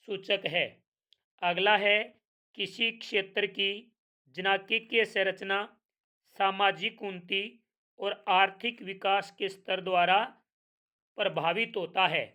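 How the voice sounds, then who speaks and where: A woman's voice: medium pitch, bright, forceful tone. A woman teacher with a Hindi accent going through exam revision questions, asking each answer back and repeating it.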